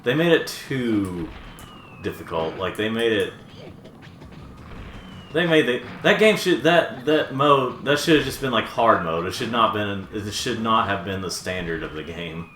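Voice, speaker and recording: Low-voiced rambling man in an echoey room. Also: animated, a little slow, bright, forceful tone. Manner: rambling, filler-heavy with many restarts. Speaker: gaming co-host. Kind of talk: casual chat while playing. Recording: echoey room with faint noise.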